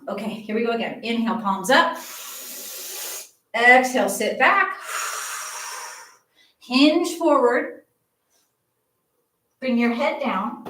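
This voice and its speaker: Middle-aged lady yoga teacher, kinda breathless, cheering folks on, sounds far from the mic in an echoey room. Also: sits high. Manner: encouraging, chatty, gently coaching through each pose. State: slightly out of breath. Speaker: yoga and meditation instructor. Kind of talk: live-streamed movement class instruction.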